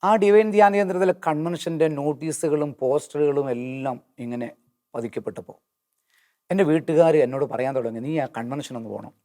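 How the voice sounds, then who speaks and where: A man giving an earnest personal testimony in an interview, slowing down when he quotes hymn lines. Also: a little high, dark tone.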